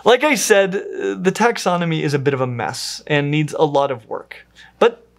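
A man's voice: fairly high pitch, normal speed, gravelly. A man with a slightly raised voice narrates a science lesson on small creatures. He reads from a script and drops in dry, wry little asides. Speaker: educational video host.

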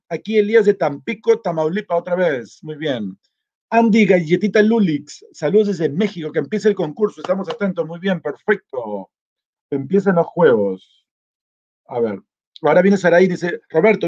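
On a muffled recording, a vlogger running a live chat contest hosts his live stream in a chatty, easygoing way. His voice is a little high and a little mellow, and he reads viewer comments and greetings aloud before answering them.

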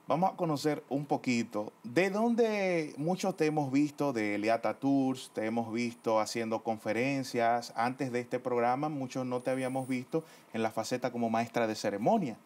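A man's voice: mid-range voice, normal speed, hardly any pauses, darkish tone. A man interviewing a guest on a television program, asking his questions in a friendly, playful way.

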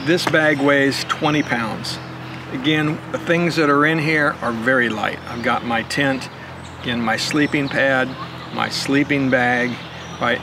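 This older man speaks at a medium pitch against a noisy background, walking through his camping gear outdoors in his backyard. A motorcycle vlogger, he keeps it conversational and step by step, leaning on "again" and "right."

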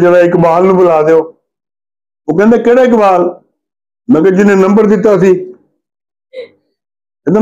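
Telling jokes, an older man acts out a comic phone call, giving each party its own voice. He has a high-pitched, warm voice, captured on a dull, lo-fi recording.

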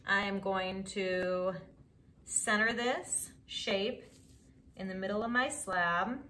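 A woman teaching a pottery lesson, calmly explaining each step while she works the clay. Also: medium pitch, slow. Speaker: ceramics teacher. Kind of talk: instructional craft demonstration.

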